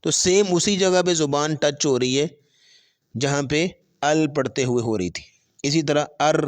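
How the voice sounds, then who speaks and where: A man teaching Quran pronunciation, explaining step by step and stretching letters slowly in drills, with English terms mixed in. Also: mid-range voice. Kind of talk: tajweed lesson with spoken drills.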